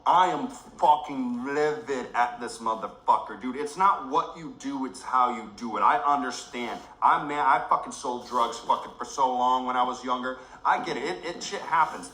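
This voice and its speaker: This livestream host is a man at medium pitch whose angry, emotional tirade is packed with curses. He talks at normal speed with few pauses, his tone pushed and bright, in an echoey room captured on a rough recording.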